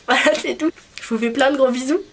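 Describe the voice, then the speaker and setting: A woman's voice: high-pitched, moderate pace. A young woman with a blocked nose and a honking, nasal voice, chatting casually and rambling informally as a vlogger. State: congested with a cold. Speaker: cosplay vlogger. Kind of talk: casual video chat. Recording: clearly noisy background.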